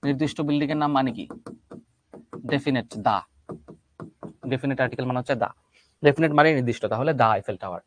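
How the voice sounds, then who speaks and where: A man's voice: medium pitch, fast, pauses often. A man teaching an English grammar class online, explaining step by step and asking and answering his own questions.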